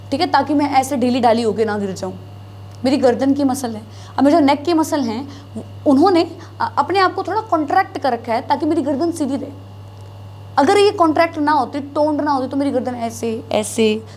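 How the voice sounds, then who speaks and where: A woman's voice: high voice, a little mellow, a little hiss or hum. A woman teaching biology in a classroom lecture, mixing Hindi with English terms, asking and answering her own questions. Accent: North Indian Hindi.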